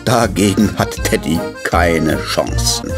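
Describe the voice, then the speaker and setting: A man narrating a children's cartoon story in a gentle, coaxing way, speaking to the little hero. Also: sits low, lively intonation, slow, music in the background. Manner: gentle, coaxing, talks to the figure.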